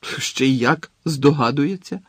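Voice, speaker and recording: A man's voice: medium pitch, a little slow, husky, no room sound, clean studio sound. A man voicing a puzzled, sensible teenage boy who keeps asking questions, reading a storybook aloud. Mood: baffled. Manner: baffled, questioning.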